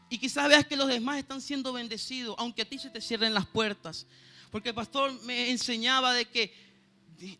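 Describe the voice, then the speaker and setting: A man's voice: extremely high pitch, bright, forceful tone. A man with a Venezuelan Spanish accent preaching a sermon and sharing a personal testimony, earnestly and often stopping to ask his listeners if they know. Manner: earnest, keeps asking "¿sabe, hermano?". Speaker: church pianist preaching.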